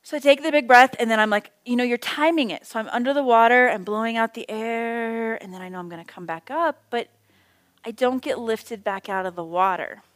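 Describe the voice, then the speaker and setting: A woman's voice: a little high, fairly quick, no echo. A middle-aged woman teaching a small Bible study group in a chatty, self-deprecating way, telling stories with side remarks. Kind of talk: casual teaching talk. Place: small indoor group meeting.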